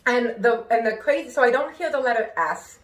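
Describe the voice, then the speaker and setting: A woman's voice: on the high side, brisk. Woman with distorted, w-like r sounds, echoey room. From New York, United States. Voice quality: hearing-impaired speech with distorted r sounds, closer to w or a rolled r. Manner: careful pronunciation with worked-on inflection; expressive, emphatic. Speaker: singer and show host. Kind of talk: personal conversational talk.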